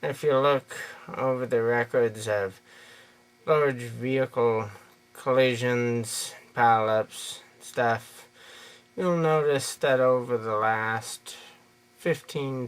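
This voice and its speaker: With a clean, mid-range voice, an American man offers his opinion off the cuff as a video creator. His monologue is rambling, folksy, and plain-spoken.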